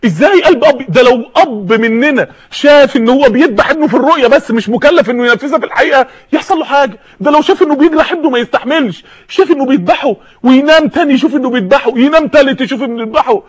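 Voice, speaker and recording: A man with an Egyptian accent preaching an emotional sermon, swinging between hushed and loud and acting out the people in the story. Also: very high voice, lively intonation, very fast, breathy edge. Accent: Egyptian Arabic. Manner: acts out scenes and voices of people in the story.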